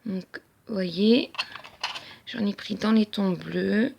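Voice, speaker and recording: A woman talks casually through her craft haul at home, pausing with plenty of fillers. Her voice has a gravelly fry at a middle pitch. A faint hiss of noise sits under the recording. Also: muffled recording. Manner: chatty, hesitant with many fillers. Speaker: crafting vlogger. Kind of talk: casual haul show-and-tell.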